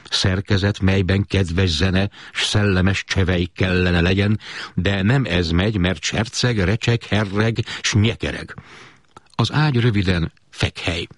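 A man reading a memoir aloud as scripted narration, in a measured storytelling manner. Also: low voice, dry recording, studio quality.

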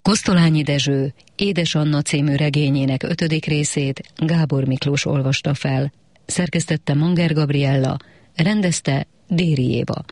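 A man's voice: fairly high pitch, darkish tone, dry recording, clean studio sound. Formal male radio announcer.

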